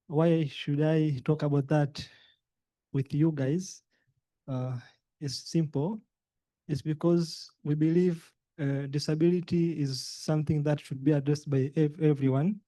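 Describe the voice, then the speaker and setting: A young Tanzanian man, a native Swahili speaker with a Tanzanian accent, gives a presentation talk full of hesitations, fillers and restarts. His voice is fairly high-pitched and warm, with no room sound.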